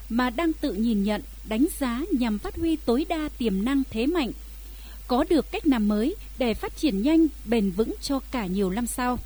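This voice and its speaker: A woman's voice: sits high, warm tone, rough recording. A woman with a Northern Vietnamese accent presenting local radio news in a formal, scripted style.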